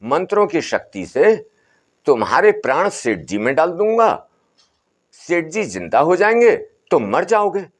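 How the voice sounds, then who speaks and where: A man's voice: a little high, big pitch swings, measured pace, voice pushed up. A man voicing a stern, wily old holy man who keeps repeating his commands. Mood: insistent.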